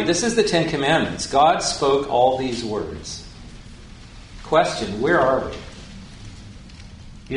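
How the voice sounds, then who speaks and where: In a very echoey room with faint ambience, a man teaches the Bible conversationally, asking his listeners questions and paraphrasing scripture in everyday words. His voice is a little high and a bit bright, with slight background noise.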